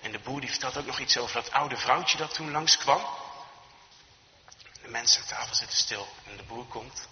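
A man's voice: mid-range voice, moderate pace, bright, forceful tone, a little hiss or hum. A man telling a Christmas story off the cuff, often repeating words as he goes. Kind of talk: improvised storytelling. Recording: echoey hall, dull lo-fi recording.

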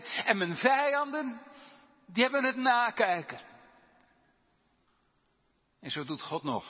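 Slow, husky preaching man in a church. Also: high voice. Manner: preaching with emphatic rises on quoted psalm lines. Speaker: pastor. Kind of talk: sermon. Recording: dull sound, long church reverb.

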